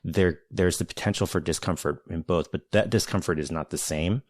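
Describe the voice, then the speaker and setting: A podcast host with a very low voice leads a thoughtful conversational interview, choosing his words carefully and circling back to rephrase. His manner is measured and searching, full of restarts and hedges. The recording is dry and close, with no room sound or echo.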